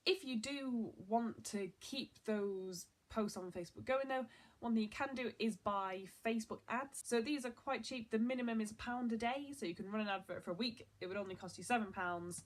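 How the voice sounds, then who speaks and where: A woman's voice: on the high side, normal speed, a little hiss or hum. A young woman presenting a casual online marketing tutorial in an upbeat, chatty way, with a lot of "so" and "like".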